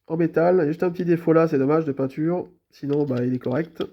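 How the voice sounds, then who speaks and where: A man with a slightly high voice talks fast through a muffled recording, presenting his toy car collection in an informal vlog. His nose is blocked from a cold, and he's chatty and easygoing, hesitating often and leaning on the same fillers.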